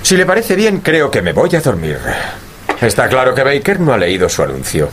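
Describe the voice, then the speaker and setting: A man acting in a radio drama as a kind, earnest gentleman doctor, polite and reassuring. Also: mid-range voice, huge pitch swings, moderate pace, noisy background. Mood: curious. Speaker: voice actor.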